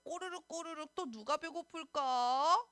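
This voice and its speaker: A woman, a children's pastor, telling a Bible story in a sermon for little children, animated and asking them questions. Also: high voice, measured pace. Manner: animated, sing-song, asks the children questions.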